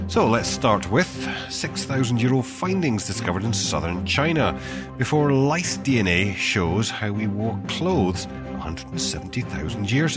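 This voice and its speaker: A man with a cold, reading archaeology news as host with wry deadpan asides and a husky voice. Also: fairly low pitch.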